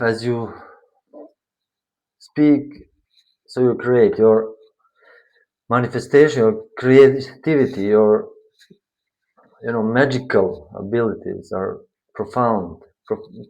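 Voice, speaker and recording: A man giving a spiritual tarot reading, slow and meandering, often searching for his words. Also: lowish voice, a little mellow, muffled recording. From Bosnia. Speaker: tarot reader.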